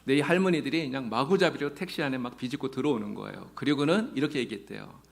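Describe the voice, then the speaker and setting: A pastor delivers a sermon in the sanctuary, speaking earnestly to the congregation and breaking up the teaching with folksy humor. His voice is creaky and medium-pitched, and he keeps a quick pace.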